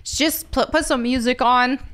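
A woman's voice: high-pitched, steady tone, measured pace, a bit bright. A young woman streaming, chatting casually and laughing often as she reads viewer messages aloud. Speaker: streamer reading chat. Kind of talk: casual live-stream chat.

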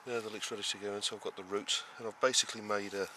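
Racing along in a fairly low, fairly even voice that sounds pushed and bright, an allotment gardener hosting his own show walks the camera around his vegetable plot. His step-by-step planting explanation wanders, peppered with fillers and false starts. Noisy outdoor audio picks up the rural surroundings.

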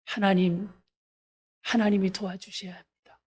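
A woman's voice: mid-range voice, flat delivery, normal speed, a little mellow, breathy edge. A woman pastor preaching a church service sermon, speaking earnestly and directly to her congregation and leading them in reading scripture aloud.

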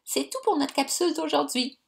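A woman, teaching young pupils in a slow, clear, encouraging way. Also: high-pitched. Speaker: primary school teacher. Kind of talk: recorded lesson for young pupils.

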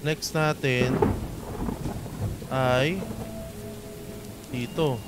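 A young man from the Philippines doing casual let's-play commentary, taunting and yelling at the game and swearing as he plays. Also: medium pitch, steady tone, very slow, heavy background noise. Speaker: gaming video host. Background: loud game music.

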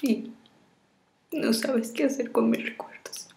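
An actress in her thirties playing a sorrowful woman in a dramatic farewell monologue to her lover, tearful and halting, often breaking into whispers. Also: a little high, steady tone, vocal fry, a little mellow, a little hiss or hum. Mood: subdued sorrow. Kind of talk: dramatic monologue, acted farewell video message. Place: small bare indoor room. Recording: roomy echo of a bare room.

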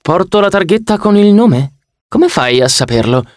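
A man's voice: medium pitch, big pitch swings, moderate pace, dry recording, clean studio sound, natural voice. A man voicing a vain, flashy young male god who talks in a theatrical, preening way and startles easily, for an audiobook. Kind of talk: audiobook character voice.

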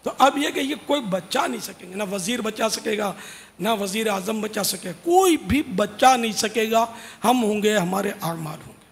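High gravelly male preacher in hall. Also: expressive. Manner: earnest exhortation with casual asides. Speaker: religious preacher. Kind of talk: informal sermon to devotional singers.

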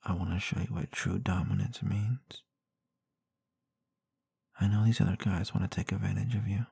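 A man playing a tender, protective, gently dominant boyfriend in an intimate ASMR role-play, murmuring breathy, husky reassurance with soft hums, close to the microphone. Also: deep voice, steady tone, normal speed, exaggerated voice. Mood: protective, reassuring. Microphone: close microphone in a dry space.

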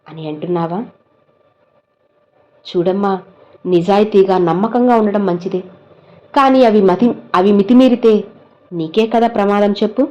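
A woman speaking as a gentle, fatherly male saint who consoles a crying devotee, with tender, coaxing questions. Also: mid-range voice, measured pace, long pauses, muffled recording, close to an everyday voice. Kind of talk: devotional message spoken as the saint.

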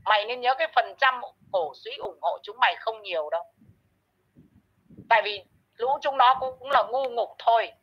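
A woman's voice: on the high side, normal speed, husky. A woman hosting her own channel, ranting and scolding someone who is not there in a harsh, insulting commentary monologue. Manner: scolding, insulting, addresses absent target directly. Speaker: channel host. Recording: muffled lo-fi audio.

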